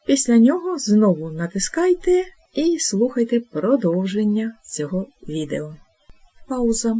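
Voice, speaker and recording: A woman teaching an Italian lesson, explaining patiently and repeating each form slowly. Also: medium pitch, mellow, slightly rough. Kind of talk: instructional video lesson.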